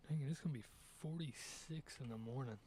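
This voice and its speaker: A man's voice: medium pitch, a little fast, warm tone, slight background noise. A young man streaming a hunting game, giving casual, rambling commentary as he thinks aloud over his shots.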